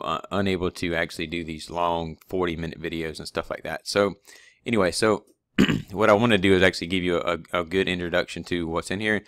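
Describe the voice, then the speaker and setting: A low-pitched man talks in a flat, even tone as he walks viewers through his training course in a loose, rambling way full of fillers and restarts. His voice is clean and smooth, recorded close on a dry desk mic with no room sound. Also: no room sound. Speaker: online PLC course instructor. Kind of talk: screen-recorded course walkthrough.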